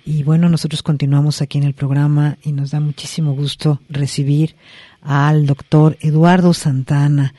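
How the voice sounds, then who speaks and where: A woman's voice: low-pitched, mellow, no echo. A woman hosting a radio program, introducing a guest and asking conversational follow-up questions. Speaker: radio host. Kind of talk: radio interview. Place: radio studio.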